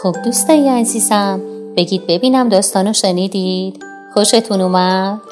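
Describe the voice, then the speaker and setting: A woman narrating a children's storybook tale, talking directly to young listeners in an animated way. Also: mid-range voice, over music.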